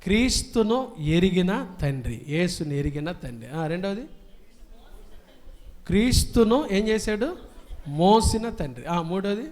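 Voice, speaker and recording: High voiced pastor preaching slow, asks the church to shout answers back, goes loud then quiet. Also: male voice, big pitch swings. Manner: call-and-response preaching, urging the congregation to answer aloud; swings from loud proclamations to low, soft asides. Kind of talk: sermon.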